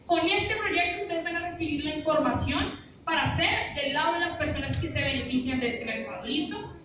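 A young woman with a very high, fairly bright voice delivers a punchy, rhetorical finance seminar in motivational style, often asking the room "¿listo?". It was captured from afar on an audience member's phone camera in a large lecture room with a projector screen, so it sounds echoey with a faint hiss.

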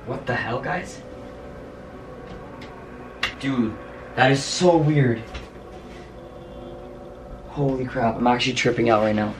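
A man hosting a casual vlog, talking in jumpy, scared exclamations and sometimes dropping to a hush. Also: mid-range voice, noisy background. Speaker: YouTuber host.

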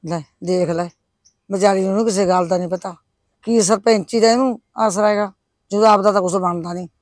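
A woman's voice: medium pitch, fairly even intonation, brisk, a little mellow, dry recording, natural voice. A woman playing a gossipy, complaining old village woman, with a Punjabi accent. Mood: gossiping. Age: older. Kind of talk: village comedy drama.

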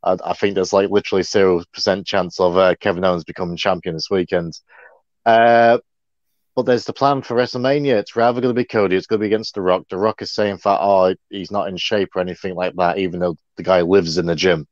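A man with a somewhat low voice co-hosts a casual livestream, rambling along with plenty of fillers. His sound is dry and dull, like a lo-fi mic in a dead room. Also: fairly even intonation, quick pace, no echo. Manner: chatty, rambling, many fillers. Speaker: co-host.

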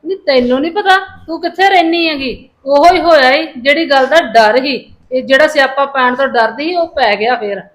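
A woman's voice: high voice, a little fast, hardly any pauses, fairly bright tone. Woman playing a reproachful mother. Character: weary older mother scolding her daughter. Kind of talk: family drama acting.

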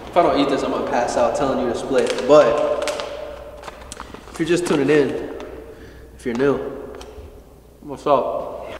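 A man's voice: medium pitch, a little slow, long pauses, slight background noise. Breathless young man in an echoey gym. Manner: loose, slangy and chatty. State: out of breath after training. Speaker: fitness YouTuber. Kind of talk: casual vlog chat. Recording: echoey room from far off.

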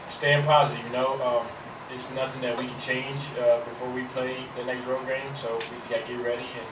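Young man's flat, halting postgame answers. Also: medium pitch. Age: young adult. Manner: halting, filler-heavy, repeats words. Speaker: college basketball player. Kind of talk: postgame press conference answers. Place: press room, at a table. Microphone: table mic on a stand. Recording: echoey room mic from a distance, steady hum.

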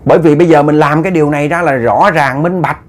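A man telling a ghost story casually, animated and often stammering through repeated words as he acts out quoted scolding. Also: a little high, fast.

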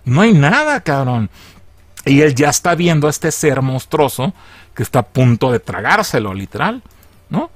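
A man with a Mexican Spanish accent casually recapping a film's plot as a reviewer, in a slangy, profane and animated storytelling manner. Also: fairly high pitch, moderate pace, dry recording. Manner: animated, jumpy delivery. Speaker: film reviewer.

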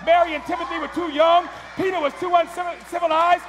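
A middle-aged male pastor preaching loudly, building up with repeated calls in a large church. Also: very high-pitched, fairly even intonation, brisk, a faint crowd. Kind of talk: sermon. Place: large wood-paneled church sanctuary. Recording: long church hall reverb.

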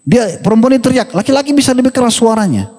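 A man preaching in an animated, humorous question-and-answer talk, acting out quoted dialogue. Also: extremely high pitch, fast. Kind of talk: religious Q&A talk. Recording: long hall reverb.

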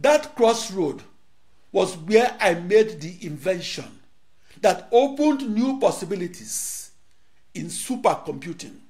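A middle-aged native Igbo speaker from Nigeria lectures in a very animated way, his notably high voice carrying a darkish tone. The rehearsed delivery comes in short, declaimed phrases with dramatic pauses, captured close on a lapel mic in a studio.

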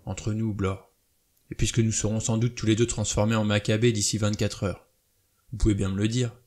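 A man's voice: on the low side, level tone, normal speed, darkish tone, lightly acted. A man voicing a cool, self-assured adventurer who teases his companion in an audiobook. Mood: mocking.

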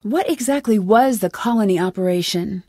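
An actress voices a determined, inquisitive young woman detective with an American accent for a video game, recording isolated dialogue lines in an earnest, questioning manner. Her mid-range voice has a darkish tone and normal speed, close to an everyday voice. The recording is dry and clean, with studio sound.

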